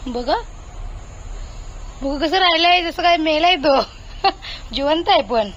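A woman with a high, bright-pitched voice hosts a casual home vlog. She chats easily to her viewers as a group and talks with the family around her. A faint hum of noise sits under her voice. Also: slow, dull audio. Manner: chatty, addresses viewers warmly as a group. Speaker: vlog host.

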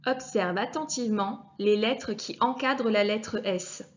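A woman teacher giving a clear reading lesson to young children, speaking to the child directly and sounding out each letter with care. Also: mid-range voice, lo-fi sound. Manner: patient, addresses the child directly, deliberately articulated sounds. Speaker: primary school teacher.

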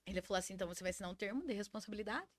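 A woman truck driver from Brazil, a podcast guest chatting casually and acting out her stories with lively exclamations. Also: medium pitch, racing, no room sound, clean studio sound. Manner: animated storyteller, acts out voices and exclamations. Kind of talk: casual chat.

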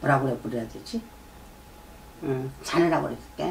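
Her voice is bass-deep, a little mellow and touched with vocal fry, at normal speed with slight background noise. She is a middle-aged shaman lecturing during a fortune-telling consultation, repeating herself and prompting with "eh?", in a shrine room with a folding screen and drum, recorded by a distant camera mic with faint room ambience.

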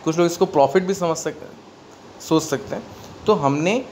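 Switching between Hindi and English, a male teacher with an Indian accent explains an accountancy lesson step by step, raising questions and answering them himself. His voice is on the high side and a little mellow at normal speed, with faint background noise present.

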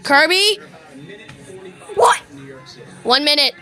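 Giddy high-voiced woman counting down. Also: animated, very slow, bright, forceful tone, soft background music. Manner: giddy, counts down aloud, laughs and squeals often. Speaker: channel host. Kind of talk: casual excited chat while watching a New Year countdown.

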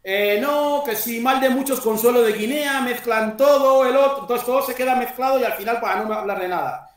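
A man's voice: very high-pitched, brisk. A middle-aged man hosting an online panel discussion over a video call from a small tiled room, talking conversationally and groping for names. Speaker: host. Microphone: headset on a video call. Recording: echoey room, far from the mic.

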